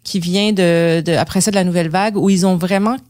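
A woman's voice: on the low side, steady tone, brisk, a little mellow. A woman with a Quebec French accent, a guest in an interview, talking casually with many fillers, restarts and digressions. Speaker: actress and director, guest.

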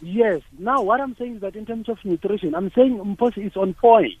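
A man's voice: sits high, normal speed, crowd noise. A South African man, a native Sepedi speaker, calling a radio show by phone and arguing insistently, repeating phrases for emphasis. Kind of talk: opinionated phone-in argument. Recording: rough, narrow phone line.

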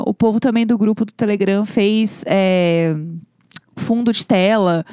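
Lively Brazilian woman, high voice. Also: no echo, studio quality. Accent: Brazilian Portuguese. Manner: animated storyteller, acts out her own shrieks. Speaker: podcast co-host. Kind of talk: casual chat.

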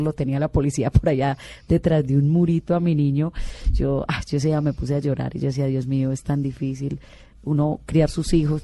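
A woman's voice: sits low, warm tone. A middle-aged woman, a singer, telling personal stories earnestly in an interview. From Colombia. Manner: earnest, emotional storytelling with many restarts. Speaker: guest singer.

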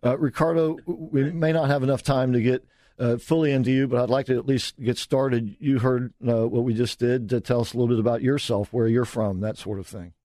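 A man hosting a radio talk show, interviewing guests in a halting, restarting way. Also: medium pitch, fairly even intonation, mellow, dry recording.

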